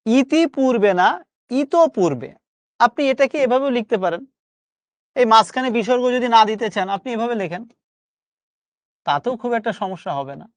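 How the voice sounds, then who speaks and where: A man's voice: extremely high pitch, expressive, normal speed, long pauses, no echo. A man with a Bangladeshi Bengali accent teaching spelling in a live online lesson, coaxing and repeating each word for his students to drill. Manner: coaxing, repeats words for drill, chatty colloquial asides.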